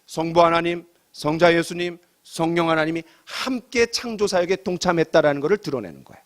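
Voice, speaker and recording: A man's voice: fairly high pitch, fairly quick. A middle-aged male pastor preaching a sermon, asking the congregation rhetorical questions and acting out quoted asides.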